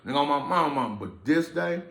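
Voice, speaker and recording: With a fairly high, gravelly, slightly bright voice, a man talks fast and animatedly while telling a profane personal story. He vlogs to his camera from an indoor room under lights, blunt and streetwise. The camera mic makes it sound reverberant.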